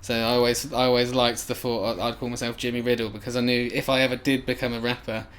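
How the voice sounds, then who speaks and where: A man's voice: mid-range voice, level tone, quick pace, fairly bright tone, a little hiss or hum. A man co-hosting a podcast in casual chat, joking and self-deprecating, fond of puns. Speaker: podcast co-host.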